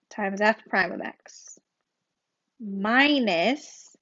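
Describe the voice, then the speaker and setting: A woman teaching a recorded calculus tutorial in a chatty way. She corrects herself often and recites a memory rhyme. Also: on the high side. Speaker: math teacher. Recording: dull lo-fi audio.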